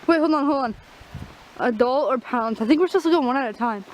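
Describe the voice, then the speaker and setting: A young woman chats excitedly while hiking near a waterfall, her voice high and quick to rise. She films on a handheld phone, and a steady hiss of outdoor noise runs behind her. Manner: excitable, breathless. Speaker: vlogger. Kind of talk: casual outdoor vlog. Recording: noisy outdoor phone recording.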